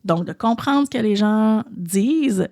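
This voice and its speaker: Gravelly Québécois woman explaining. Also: mid-range voice, unhurried. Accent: Québécois French. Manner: relaxed, thinking aloud with many hesitations. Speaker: podcast host and French teacher. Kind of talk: explanatory podcast monologue.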